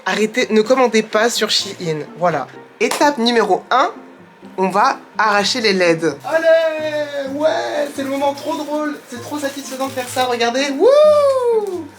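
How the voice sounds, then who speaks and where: A young woman vlogging at home in a chatty, excitable way, exclaiming as she goes, recorded on a camera mic. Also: a little high, moderate pace, soft background music. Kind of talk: casual vlog chat. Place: at home, indoors.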